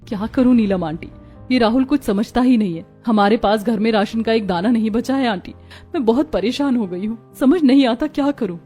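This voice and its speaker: A woman's voice: medium pitch, a little fast, darkish tone, soft background music, close to an everyday voice. A woman voicing a worried but dignified young mother in a cartoon story, firm and caring.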